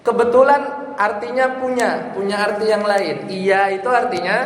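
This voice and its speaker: A man's voice: sits high, steady tone, normal speed. A male religious teacher giving a study lecture, explaining patiently and chanting verses as examples. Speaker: ustadz teaching Islamic law. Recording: echoey hall, long reverb.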